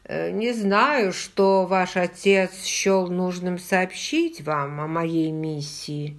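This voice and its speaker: Woman reading as a measured cavalry captain. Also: medium pitch, gravelly, a bit bright. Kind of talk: audiobook character reading.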